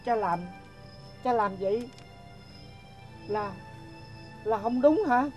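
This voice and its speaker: An actor playing a weak-willed father who speaks haltingly and stammers when pressed. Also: high voice, dull audio, soft background music. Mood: hesitant. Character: weak-willed village father, guilty and hesitant. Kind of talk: comic stage sketch acting.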